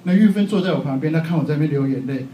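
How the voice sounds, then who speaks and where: A man's voice: on the high side, very fast, warm tone, far from the mic. A middle-aged man from Taiwan, preaching a sermon in a chatty, self-mocking way and laughing often. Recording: echoey hall, faint background noise.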